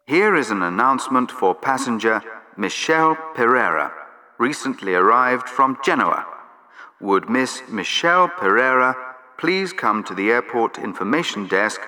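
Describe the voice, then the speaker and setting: A man reading scripted airport announcements in a formal, measured public-address manner for a listening exercise. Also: medium pitch, sing-song, pushed and bright, long reverb tail.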